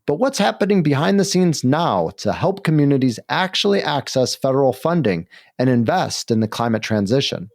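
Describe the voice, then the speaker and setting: A man's voice: mid-range voice, darkish tone. A man hosting a climate podcast, reading his intro and asking interview questions in an upbeat way. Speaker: podcast host.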